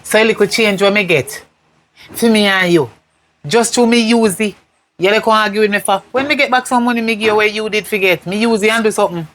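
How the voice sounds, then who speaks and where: A woman's voice: medium pitch, fairly quick, a little hiss or hum, close to an everyday voice. A woman playing a stubborn Jamaican sister. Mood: defensive. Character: defensive woman sister arguing over borrowed money. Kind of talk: Jamaican patois film acting.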